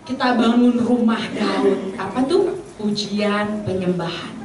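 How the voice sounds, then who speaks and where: A woman preacher giving a lively sermon to a congregation, slipping into English phrases and short bursts of song. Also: mid-range voice, slow pace, background noise. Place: church hall. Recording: very echoey hall from a distance.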